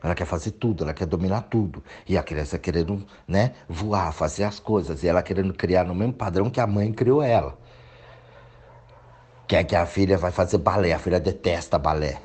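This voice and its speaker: A man's voice: sits low, a little fast, darkish tone, husky. A man giving a blunt, crude, emphatic monologue. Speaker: speaker. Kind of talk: opinionated monologue.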